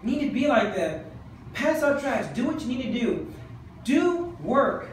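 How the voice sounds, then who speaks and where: High-voiced man preaching in an echoing hall. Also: sing-song, a little slow, slight background noise. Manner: impassioned, repetitive exhortation. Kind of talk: sermon. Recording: very echoey church hall from far off.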